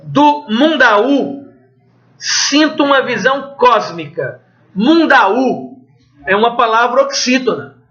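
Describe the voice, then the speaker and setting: A Brazilian Portuguese teacher with a very high, bright, expressive voice drills his class through an exam review at a slow pace. He poses questions and answers them himself in a loose, conversational way, casually swearing now and then. The recording sounds dull and lo-fi.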